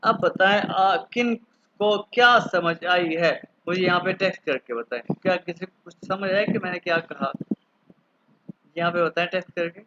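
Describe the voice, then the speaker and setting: A man in his thirties from Pakistan teaching an online German class, patiently repeating words slowly for pronunciation. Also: high voice, bright, forceful tone, lo-fi sound, slight background noise. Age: 30s.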